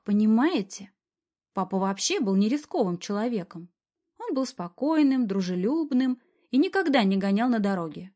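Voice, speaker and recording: Lady putting on a mouthy teen girl, higher and louder, suspicious and blunt, audiobook. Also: lightly acted. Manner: blunt, suspicious, talks back. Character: sullen defiant teenage girl missing a hand.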